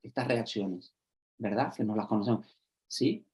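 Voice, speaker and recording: A social educator from explains things to fellow educators over a video call. He is animated and acts out little scenes in different voices. He keeps checking that the listeners are following him. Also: lowish voice, normal speed. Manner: lively, acts out examples, checks in with "¿vale?" and "¿sí?". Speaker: social educator giving a talk.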